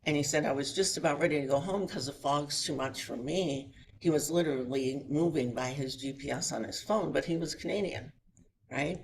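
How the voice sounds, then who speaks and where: A woman's voice: low voice, moderate pace, slight background noise. Woman telling a story from a chapel pulpit. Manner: animated, asks the audience rhetorical questions. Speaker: guest speaker at a chapel. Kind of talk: storytelling spiritual lecture. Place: chapel hall before an audience.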